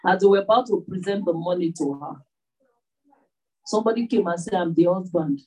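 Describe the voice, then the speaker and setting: Husky woman preaching. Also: mid-range voice, a little fast, far from the mic, rough recording. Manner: animated preaching with repeated rhetorical questions. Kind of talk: sermon.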